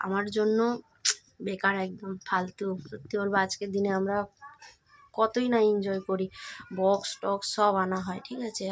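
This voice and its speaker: A woman's voice: mid-range voice, a little hiss or hum. A young woman with a Bengali accent, vlogging in a casual, chatty way to her viewers on a phone camera. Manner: chatty, addresses viewers as friends. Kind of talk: casual vlog chat.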